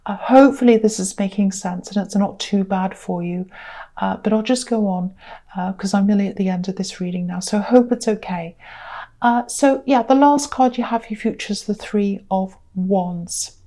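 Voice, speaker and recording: A woman giving a casual tarot reading to camera, unhurried and repetitive with many ums, tired and speaking through a sore throat. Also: mid-range voice, dark tone. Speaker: tarot reader.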